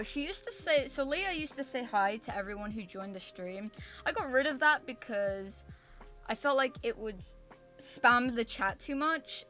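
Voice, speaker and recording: Woman, higher-pitched, very bright tone, cute bubbly anime streamer, casual livestream chat, background music. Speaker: variety streamer and VTuber. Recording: music behind the voice.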